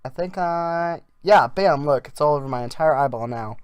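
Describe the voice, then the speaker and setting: A man's voice: on the high side, moderate pace, smooth, dry recording. A man doing a casual improvised voiceover as a makeup vlogger, rambling in an offhand, jokey way.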